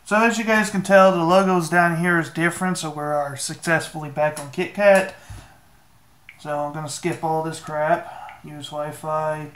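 A man casually talking viewers through a phone software walkthrough, laid-back and joking with mild swearing. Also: on the high side, steady tone, moderate pace, echoey room, slight background noise. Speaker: tech tutorial maker. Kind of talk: casual screen-recorded walkthrough.

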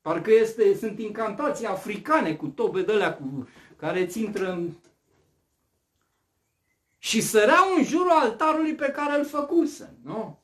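A man preaching a sermon, asking rhetorical questions and swinging between loud and hushed speech. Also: high-pitched, animated.

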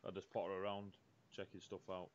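A man's voice: low voice, monotone, fairly quick. A man playing a tabletop game, joking and offhand. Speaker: player. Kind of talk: casual tabletop role-play. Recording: dull lo-fi audio with faint noise.

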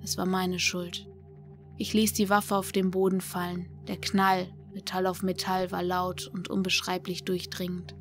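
A woman narrates a first-person horror audiobook in a scripted, measured reading. Her voice stays flat and level, barely rising or falling. Faint music plays behind her. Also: on the low side.

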